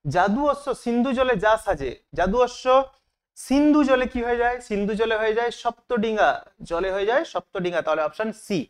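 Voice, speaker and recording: A man's voice: high voice, lively intonation, a little fast, clear, resonant tone. A male teacher going through a test paper in an online lesson, asking the students questions and then answering them himself. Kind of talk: online exam-prep lesson.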